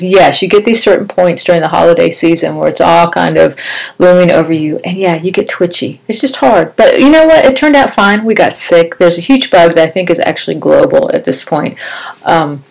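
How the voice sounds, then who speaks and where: A middle-aged woman with a slightly low voice hosts a casual podcast on her own. She talks in an upbeat, rambling, chatty way. Braces make her articulation a touch slurred and wet. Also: gravelly, poor audio. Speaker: podcast host. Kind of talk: casual solo podcast chat.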